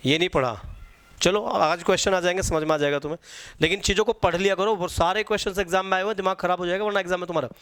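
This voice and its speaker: Guy teaching exam prep, high voice, dry close sound, keeps repeating stuff and asking students questions. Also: fairly even intonation, very fast, a bit bright, smooth, no echo. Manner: repeats key points, quizzes students.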